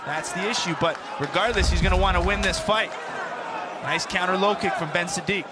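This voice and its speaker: Man, kickboxing color commentary, high pitch, emphatic technical analysis, very noisy arena backdrop. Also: brisk. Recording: loud arena crowd noise behind. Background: noisy arena crowd.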